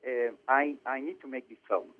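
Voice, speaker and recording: Iranian-born guy, director, lots of um and uh and restarts, middle pitch, tinny phone sound. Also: fairly even intonation. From Iran. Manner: halting, many fillers and restarts. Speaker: film director. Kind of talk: interview over the phone.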